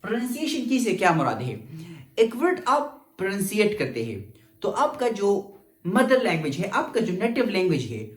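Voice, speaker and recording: A man's voice: sits high, echoey room. A man with a Pakistani accent teaching an English lesson to students, switching between English and Urdu and asking and answering his own questions. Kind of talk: lecturing students.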